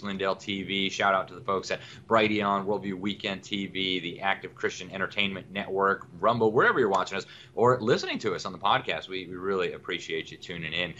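A man hosting a talk show, talking briskly and upbeat to viewers, on dull lo-fi audio with a faint rumble. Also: sharp tone. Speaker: host.

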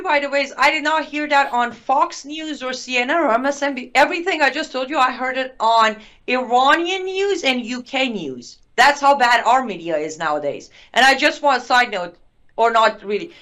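A woman's voice: high voice, fairly bright tone. Indignant woman, English her second language. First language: not English. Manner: indignant, emphatic, sarcastic asides. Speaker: guest. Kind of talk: political commentary interview.

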